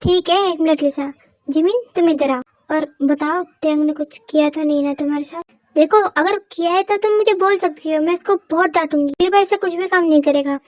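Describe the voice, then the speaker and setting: Voicing a middle-aged mother-in-law in a fan-fiction voice drama, a woman uses a natural, high voice at a slightly fast pace, fussing and doting as she coaxes a shy girl. The studio-quality recording has no echo.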